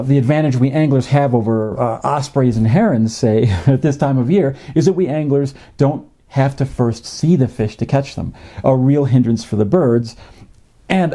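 Man, 50s, very dark mellow voice, middle pitch. Measured educator, lots of fillers, home office desk. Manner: measured, explanatory, with frequent uh fillers. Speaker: fishing educator. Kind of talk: educational narration. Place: home office with a desktop computer.

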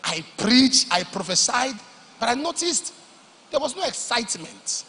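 A man preaching a sermon, moving between loud emphatic declarations and low, confiding storytelling. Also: big pitch swings, measured pace, breathy edge. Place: large church hall. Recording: long hall reverb.

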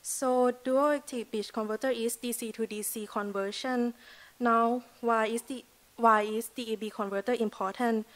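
Young woman, Thai accent, fairly high voice, earnest, filler-heavy, podium mic in a lecture hall. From Thailand. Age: 20s. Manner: earnest, loose grammar, frequent "like" fillers. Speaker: exchange student presenter. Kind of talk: prepared presentation speech. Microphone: podium microphone.

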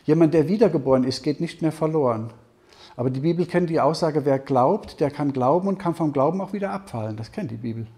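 A man leads a Bible seminar in a loose, conversational way. His voice sits a little high but sounds warm and mellow. He keeps pausing to check in with his listeners with a quick "ja?". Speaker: Bible teacher. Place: seminar hall with audience questions.

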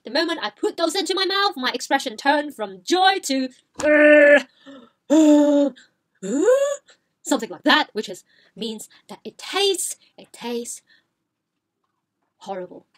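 A woman vlogger telling a funny story in an animated, dramatic way. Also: high-pitched, normal speed. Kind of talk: storytime vlog.

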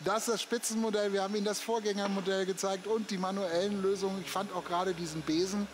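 Higher-voiced man doing an upbeat infomercial pitch. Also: little pitch movement, fast talker, noisy background. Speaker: teleshopping host. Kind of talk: infomercial sales pitch, unscripted.

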